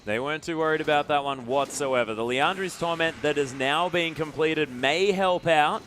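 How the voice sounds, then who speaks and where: A man's voice: on the high side, normal speed, a bit bright, a little hiss or hum. Wry male esports color caster. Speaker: esports commentator.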